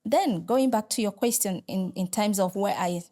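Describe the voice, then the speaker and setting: A middle-aged Nigerian woman whose first language is Igbo, a religious sister and lecturer, answers interview questions. Her medium-pitched voice is mellow. She speaks in a measured, hesitant way, with many fillers and restarts.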